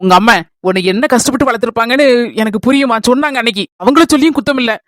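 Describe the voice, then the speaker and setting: A woman acting a motherly village woman in a comedy skit, with a Kanyakumari Tamil accent, calmly explaining. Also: on the high side, rapid-fire, no echo, natural voice. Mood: coaxing. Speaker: skit actress.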